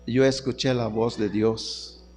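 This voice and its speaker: A man's voice: medium pitch, steady tone, slow pace, long reverb tail, music in the background. A man preaching a sermon, calling on the congregation as brothers and repeating phrases for emphasis.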